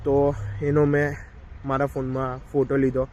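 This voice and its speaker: A man's voice: medium pitch, monotone, measured pace, warm tone, lo-fi sound, a little hiss or hum. A man telling a story in a casual vlog, talking straight to his viewers while outdoors in a park. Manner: chatty, addresses viewers directly. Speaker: vlogger.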